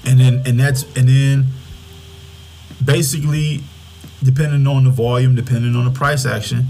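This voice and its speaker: A man's voice: medium pitch, little pitch movement, moderate pace, warm tone, faint music behind, rough recording. A man talking off the cuff about the market as a retail investor, blunt, slangy and cocky, repeating phrases for emphasis. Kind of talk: casual off-the-cuff market talk.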